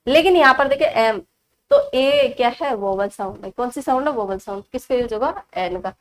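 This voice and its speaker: A woman with an Indian accent teaching an online grammar lesson. She asks her students questions and answers them herself, repeating key words slowly as a drill. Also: fairly high pitch, animated, low-quality recording.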